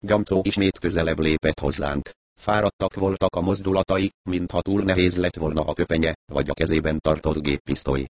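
A man reading a novel aloud as an audiobook narrator, with a calm, even storytelling manner. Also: low-pitched, no room sound. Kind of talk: scripted narration.

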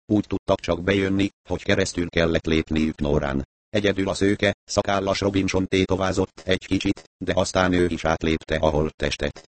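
A man narrating an audiobook in a measured, even storytelling manner. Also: low voice, slight background noise. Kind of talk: scripted narration.

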